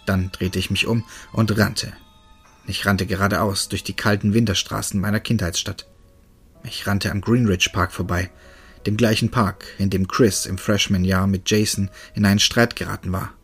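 A man narrates a scripted first-person horror story in a steady, tense voice. His tone sits fairly low and sounds husky, with faint music underneath. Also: moderate pace.

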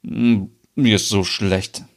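A man's voice: fairly low pitch, fairly even intonation, slow pace. Squeamish, queasy young man, voiced by the narrator, groaning, storybook reading.

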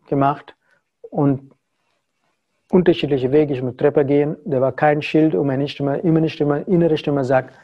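A man's voice: on the high side, lo-fi sound. A man from India, a spiritual teacher giving a talk to followers in broken German with English phrases mixed in. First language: not German.

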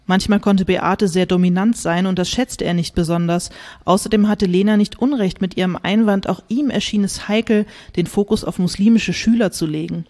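A woman's voice: medium pitch, fairly even intonation, moderate pace, darkish tone. Woman reading her own novel. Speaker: author.

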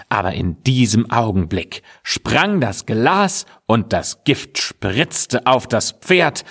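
Slow, low-voiced male fairy-tale reader. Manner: slow, measured storytelling. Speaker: narrator.

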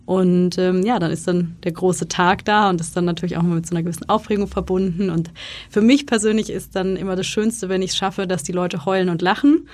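A woman's voice: on the low side, fairly even intonation, fairly quick, darkish tone. A woman guest in a casual interview, chatting freely and acting out little quoted exchanges as she tells her stories. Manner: chatty storyteller, acts out quoted dialogue. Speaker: guest, freelance consultant and wedding speaker.

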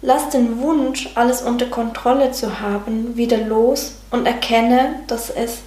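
A woman voicing the loving, reassuring inner voice of a soul, speaking in a gentle, patient, guiding manner. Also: fairly high pitch, fairly even intonation, unhurried, natural voice. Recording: roomy sound with faint music.

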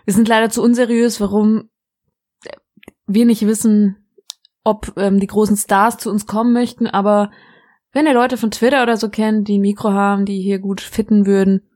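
A young woman co-hosting a casual podcast, rambling through anecdotes. She giggles often and restarts her sentences. Her voice sits at an ordinary pitch for a woman. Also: level tone, moderate pace, a little mellow. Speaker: podcast co-host. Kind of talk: casual chat.

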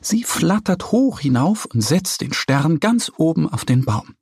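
A man reading a children's story aloud with calm, expressive storytelling. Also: fairly high pitch, a little slow, slightly rough, no echo, clean studio sound. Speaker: narrator.

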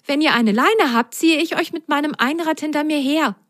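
A woman's voice: high voice, normal speed, fairly bright tone, no echo, studio quality, voice pushed up. A woman voicing a friendly, helpful young whale child in a children's storybook, talking in an eager, chatty way.

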